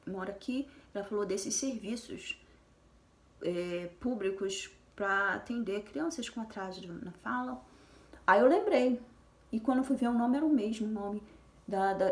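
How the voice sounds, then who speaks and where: Chatty mother in an echoey room. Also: medium pitch. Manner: chatty, with many fillers and restarts. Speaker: mother of twins sharing her experience. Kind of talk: casual personal vlog.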